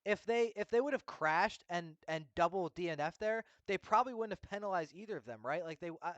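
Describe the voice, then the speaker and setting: A man's voice: high voice, fairly quick, fairly bright tone, no room sound, lo-fi sound. A young man hosting a casual racing recap, ranting heatedly and swearing constantly. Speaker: F1 recap host. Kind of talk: casual commentary rant.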